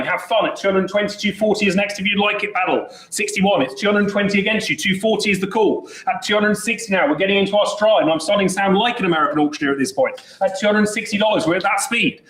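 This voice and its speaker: A working auctioneer at a live sale calls bids in a high, lively voice with brisk, joking patter. The recording is roomy, with clear echo from the saleroom.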